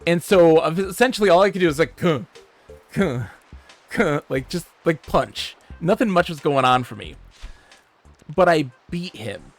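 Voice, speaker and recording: A man from Michigan, livestreaming, who tells animated, swear-laced stories and reads chat aloud. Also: a little high, normal speed, soft background music. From Michigan, USA. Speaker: streamer. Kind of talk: casual storytelling while livestreaming a game.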